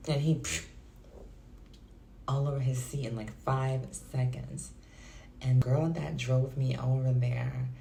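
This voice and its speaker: A woman with a very low, gravelly voice tells a storytime to her viewers, slow and unhurried. She chats and confides as if with friends. The recording has a roomy echo and a faint background hiss. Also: dark tone. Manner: chatty, confiding, addresses viewers directly. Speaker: storytime vlogger. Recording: echoey room with faint noise.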